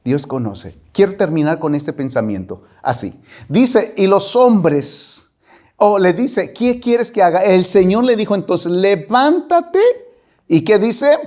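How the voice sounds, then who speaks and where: A man preaching a sermon, emphatic and animated, dropping at times to a whisper. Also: high-pitched, unhurried. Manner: emphatic, rising and falling delivery with whispered asides. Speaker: pastor.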